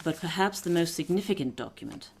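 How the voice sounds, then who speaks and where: A shrewd aristocratic lady detective played by an actress in a period radio mystery, with a low female voice. She explains in a measured, authoritative way, fully composed and deliberate. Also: lively intonation, creaky, slightly rough, exaggerated voice. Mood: confident, explanatory.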